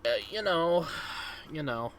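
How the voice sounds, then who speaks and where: A man's voice: a little high, lively intonation, slow, a bit bright, a little hiss or hum. A young man, casually commentating on his own gameplay in a rambling, upbeat way, full of fillers. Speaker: gaming video host.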